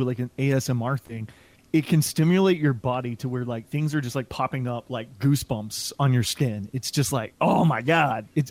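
Dude on a podcast, lots of likes, cusses casually, average pitch. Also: male voice, darkish tone, no echo. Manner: casual, swears freely, filler-heavy. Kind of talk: casual chat.

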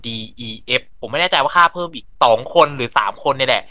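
Bright, fast-talking man. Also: mid-range voice, lively intonation, no room sound. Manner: retells plots at length, acting out quoted lines. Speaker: podcast panelist. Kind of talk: casual chat.

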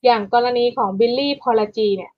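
A woman's voice: on the high side, quick pace, muffled recording. A woman co-hosting a casual podcast chat, talking things through, often restarting and repeating words as she explains. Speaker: podcast co-host.

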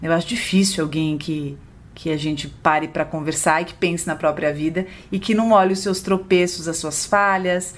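Casting: woman psychologist, podcast co-host, gentle explanatory delivery. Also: normal speed. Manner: gentle, explanatory, lively pitch when voicing a parent to a child.

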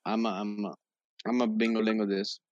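A man's voice: lowish voice, level tone, a little fast, darkish tone, no echo, lo-fi sound. A young man co-hosting a podcast in casual comedic banter, slangy, joking and swearing often. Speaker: podcast co-host.

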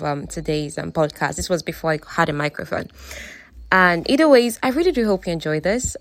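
A woman with a Nigerian accent hosting a podcast in a casual, chatty way, thinking aloud as she goes. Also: fairly low pitch. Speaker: podcast host. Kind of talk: casual chat.

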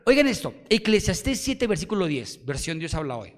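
A middle-aged Colombian pastor preaches with emphatic energy, throwing question after question at his church. His voice sits a little high for a man, and a long reverb from the hall trails behind every phrase. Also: brisk. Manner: animated, emphatic, full of rhetorical questions to the congregation. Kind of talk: sermon.

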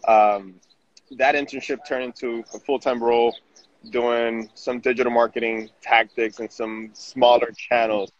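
His medium-pitched voice barely moves in pitch and keeps a measured pace. He's a guest in a street interview, a Venezuelan digital marketing director talking casually and frequently restarting, with the recording dull and faintly noisy.

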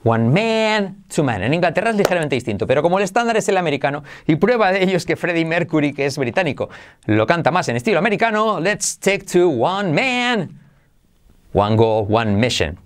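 Animated man teaching English. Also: fairly high pitch, brisk. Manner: animated, switching between Spanish and English, sings snatches of songs. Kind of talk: lively English lesson.

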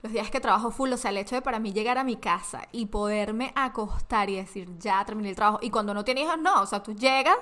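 A woman in a casual podcast chat, reassuring and quick to agree. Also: fairly high pitch, fairly bright tone. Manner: supportive, quick to chime in and agree. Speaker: podcast co-host.

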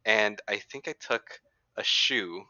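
Man, casual chat, animated storyteller, bright tone, dull dry audio. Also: fairly low pitch, slow, no echo. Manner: animated storyteller, acts out quotes.

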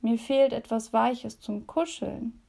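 A woman's voice: on the high side, steady tone, takes it slowly, gravelly, dark tone. A woman doing a small, frightened mouse girl. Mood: small pleading. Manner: tearful, pleading.

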